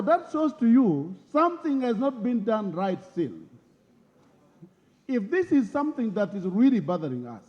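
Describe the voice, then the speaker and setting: A man speaking earnestly in a measured way as a member of parliament during a debate. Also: high voice. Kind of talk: parliamentary speech. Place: parliament chamber. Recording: lo-fi broadcast audio in a reverberant chamber.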